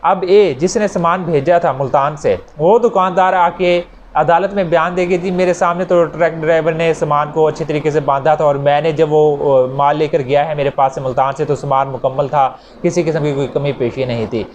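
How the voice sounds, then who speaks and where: Speaking at a moderate pace with few pauses, this man has a slightly high, steady voice and a Pakistani accent. He explains law to students, going over points again in new words and using worked examples, while noticeable background noise runs through the recording.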